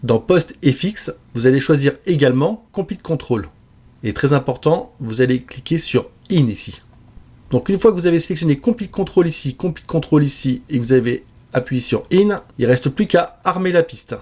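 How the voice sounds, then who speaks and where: A man giving a relaxed step-by-step music software tutorial with casual fillers. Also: fairly high pitch, normal speed, slightly rough. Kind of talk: screen-recorded software tutorial.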